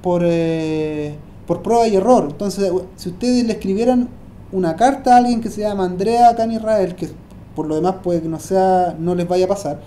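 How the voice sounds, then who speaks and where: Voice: mid-range voice, normal speed, warm tone, echoey room, slight background noise. A Hebrew teacher gives a language lesson, often hesitating and repeating words while thinking aloud.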